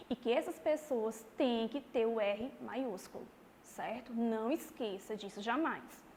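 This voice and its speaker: High-voiced woman teaching a class. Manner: patient, slow and explanatory, with frequent "tá bom?" check-ins. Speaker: primary school teacher. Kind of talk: recorded remote class lesson. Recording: long reverb, faint background noise.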